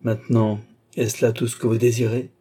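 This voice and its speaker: A man's voice: medium pitch, little pitch movement, moderate pace, warm tone, husky, lightly acted. A man reading an audiobook, voicing a fretful, nervous aging philosopher who speaks cautiously and in haste. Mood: anxious.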